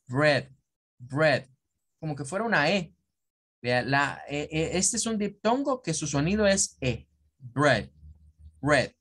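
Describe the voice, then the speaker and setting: Slow-talking man teaching English pronunciation. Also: a little high, fairly bright tone. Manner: slow, repetitive, drawing out example sounds. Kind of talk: classroom pronunciation lesson.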